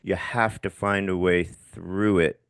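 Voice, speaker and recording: A man's voice: deep voice, flat delivery, slow pace, a bit bright, smooth, no room sound, studio quality. A middle-aged man with a slight lisp, a podcast guest telling frank, self-deprecating stories in a conversational interview.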